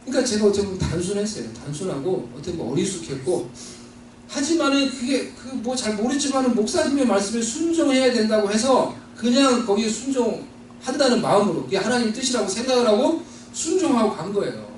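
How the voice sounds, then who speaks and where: A man's voice: high voice, expressive, a little fast. Male preacher from Seoul, earnest testimony; distant mic in a roomy hall, faint background hum. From Seoul, South Korea. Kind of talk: sermon testimony.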